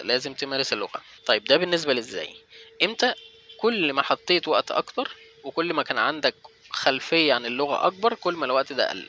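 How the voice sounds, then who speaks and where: A young man with an Egyptian Arabic accent talks straight to the viewer, coaching and direct. His voice is bright and forceful, and he speaks quickly. The audio is slightly dull and lo-fi. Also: on the high side, slight background noise. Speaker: language-learning vlogger. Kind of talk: motivational advice talk to camera.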